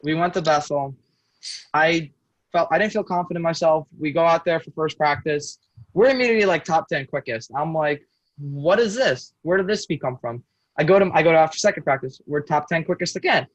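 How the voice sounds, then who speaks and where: A man's voice: fairly high pitch, dry recording. A young man, a guest race driver, telling his story on a casual podcast, stumbling and restarting his sentences often. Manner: halting, with frequent restarts and self-corrections. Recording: dull lo-fi call audio.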